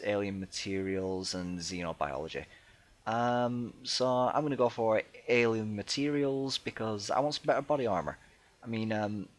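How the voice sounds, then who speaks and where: Man, fairly low voice, casual gameplay commentary, hesitant, lots of ums, chatty, self-deprecating. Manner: hesitant, many ums and restarts. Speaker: let's play gamer.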